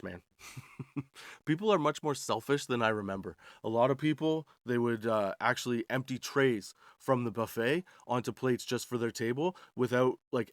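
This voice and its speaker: A man in his forties with a mid-range voice hosts a podcast, telling stories in a casual, slangy, comedic monologue and getting a kick out of his own jokes. He ends remarks with "dude" and "right," in studio-quality audio with no echo.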